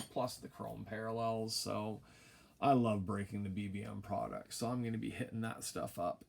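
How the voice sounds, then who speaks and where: A man's voice: lowish voice, vocal fry, dark tone, slight background noise. A tired man casually commentating a trading card break at night, droning and mumbling with wry, rambling asides. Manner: wry, rambling, self-deprecating. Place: home room at night.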